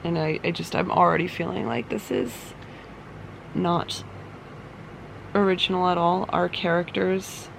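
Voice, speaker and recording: A woman's voice: fairly low pitch, fairly even intonation, unhurried, gravelly, pauses often, rough recording. A woman chatting casually and ramblingly in a reading vlog, sounding unimpressed as a book reviewer. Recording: fan noise behind the voice. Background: running fan.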